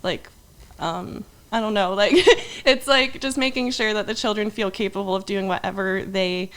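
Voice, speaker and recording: A woman's voice: medium pitch, steady tone, moderate pace, fairly bright tone. Chatty young woman podcast guest. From Indonesia. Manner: rambling, many "um" and "like", laughs often. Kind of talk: casual interview chat.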